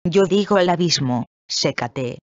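A reader giving a measured, solemn scripted reading of a Bible passage. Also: medium pitch, no room sound, highs cut off.

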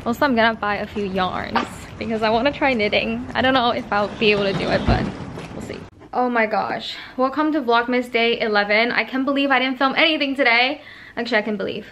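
A woman's voice: fairly high pitch, fairly quick, fairly bright tone. A young woman chatting casually to her camera in a daily vlog, rambling from one thing to the next. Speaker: vlogger. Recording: noisy handheld vlog audio.

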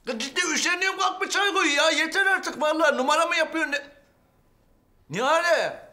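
An actor playing a hot-tempered comic husband who barks orders and blusters in sitcom acting. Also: male voice, very high voice, brisk, heavily acted. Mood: grumbling. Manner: blustering, bossy, panics into yelling.

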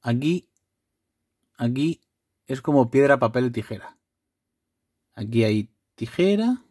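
Casual male vlogger, chatty, prone to loud excited outbursts, dry close sound. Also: mid-range voice, slow pace, slightly rough, no room sound. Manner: bursts into loud swearing excitement over rare pulls; chatty, rambling, restarts often. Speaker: card collector vlogger. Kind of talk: casual unboxing chat.

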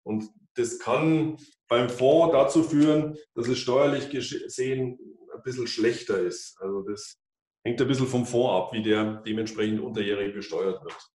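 Middle-aged man, financial advisor, explanatory, halting restarts, roomy office sound, mic at a distance. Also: medium pitch, darkish tone. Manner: explanatory, many fillers and restarts. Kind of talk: whiteboard presentation. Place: office room with whiteboard. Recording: echoey office, mic far off.

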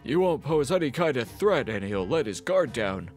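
A man voicing a blunt, scheming male mentor in a game, hushed, curt and dismissive. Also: medium pitch, very animated, normal speed, faint music behind, natural voice. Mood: conspiratorial.

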